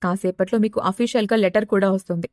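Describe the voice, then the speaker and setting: A woman voicing a male police officer who speaks in a brisk, formal, official way. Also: mid-range voice, fairly even intonation, darkish tone, dry recording, clean studio sound, natural voice.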